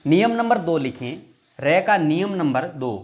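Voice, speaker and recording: A man teaching a Hindi grammar lesson for exam prep, explaining patiently, repeating words slowly and asking his students questions. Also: fairly high pitch, lively intonation. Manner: dictates rules word by word.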